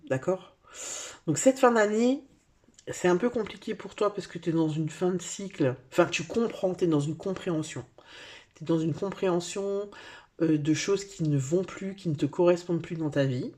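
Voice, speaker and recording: A French-speaking tarot card reader gives a casual reading, talking straight to the viewer in a chatty way with many fillers. Her voice is fairly low and a little mellow.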